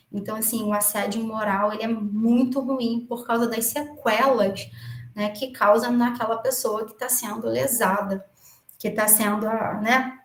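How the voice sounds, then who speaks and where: A woman's voice: on the high side, a bit bright, slight background noise. A Brazilian woman lecturing as a municipal attorney, telling a personal story in a chatty way with many asides and restarts. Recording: echoey room.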